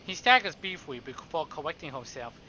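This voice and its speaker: Expressive and forceful, his bright voice sits on the high side and keeps a moderate pace as he reads visual novel narration live. He breaks it up with playful, sarcastic quips. The dull, lo-fi audio carries a little hiss or hum over the game music.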